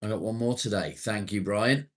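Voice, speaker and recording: A man's voice: on the low side, moderate pace, fairly bright tone. A man in his late forties hosting a casual livestream, chatting matily with viewers and swearing now and then. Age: 40s. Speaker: livestream host. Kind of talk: casual live chat reading viewer comments.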